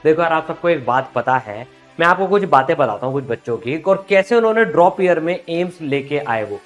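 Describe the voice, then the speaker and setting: A man speaking as a coaching teacher, giving students a motivational pep talk. He speaks animatedly and familiarly, rising higher and louder when he urges them on. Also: brisk, dull audio, faint music behind. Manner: animated, rising in pitch and loudness when urging; addresses listeners familiarly as friends and brothers.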